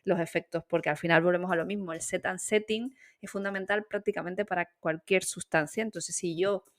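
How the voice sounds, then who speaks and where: A woman's voice: fairly low pitch, fairly even intonation, brisk, no echo. Chatty woman, dry close sound. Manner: chatty, candid, with laughs and fillers. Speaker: podcast co-host. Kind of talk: casual conversation.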